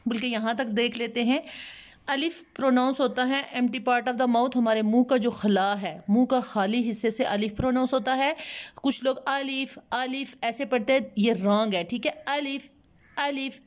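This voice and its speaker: A woman teaching Quran recitation, explaining each letter's sound patiently, repeating sounds and slipping in English terms, with speech. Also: fairly high pitch. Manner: slow drawn-out chanting for letters and prayers. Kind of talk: tajweed lesson, explaining letter pronunciation.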